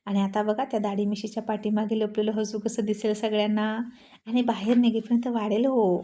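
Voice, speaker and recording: A woman's voice: mid-range voice, little pitch movement, fairly quick, warm tone, lightly acted. A woman voicing a teasing, cheeky young wife. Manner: teasing, playful and bossy. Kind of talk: storybook voice acting.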